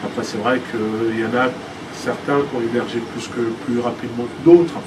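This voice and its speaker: A man's voice: mid-range voice, steady tone, normal speed. A man in his thirties from France, answering interview questions casually with many fillers and restarts. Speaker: filmmaker interviewee. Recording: distant mic with air-conditioning hum.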